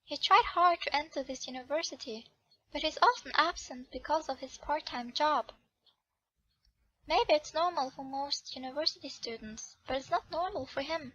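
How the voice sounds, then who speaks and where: A woman's voice: high voice, moderate pace, sharp tone, no room sound, muffled recording. A woman reading aloud a romance visual novel as the heroine, often correcting herself as she goes. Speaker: channel host reading a game.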